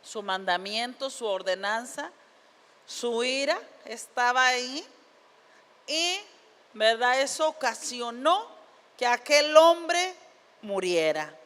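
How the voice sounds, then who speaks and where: A woman's voice: fairly high pitch, animated, slow pace, pauses often, fairly bright tone. A woman pastor preaching a sermon, retelling scripture in plain words and checking in with frequent tag questions. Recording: long reverb of a church hall.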